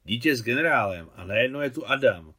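A man reading an audiobook, voicing a calm, perceptive middle-aged woman who patiently explains things to her husband. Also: medium pitch, breathy edge. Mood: explaining. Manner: patient, explaining, gently chiding.

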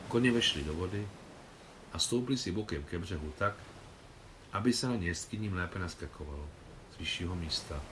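A man with a rather low voice reads a novel aloud, measured and expressive. A faint hiss of noise sits under the recording. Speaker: translator reading his translation. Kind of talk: audiobook reading.

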